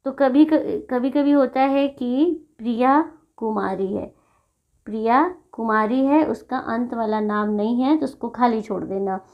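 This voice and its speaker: A woman teacher talks through a classroom lesson at a very unhurried pace, repeating each sound so her pupils can follow. Her voice sits a little high. The recording is somewhat dull and lo-fi. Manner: slow, patient, repeats sounds for pupils to copy.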